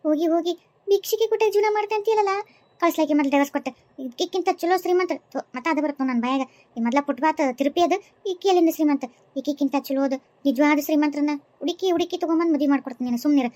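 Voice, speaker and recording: Cartoon mother-in-law, voiced by a woman: shrill, quick, North Karnataka accent, always cursing. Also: dark tone, no room sound, natural voice. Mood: scolding. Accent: North Karnataka Kannada. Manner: scolding, cursing, wailing. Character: shrill scolding old mother-in-law, bitter and wailing.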